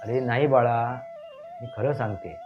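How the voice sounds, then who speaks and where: A tearful mother speaks softly and consolingly to her son, voiced by a male storyteller. The voice stays near the narrator's own middle pitch. The recording is muffled and lo-fi, with faint music in the background. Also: steady tone, normal speed, close to an everyday voice.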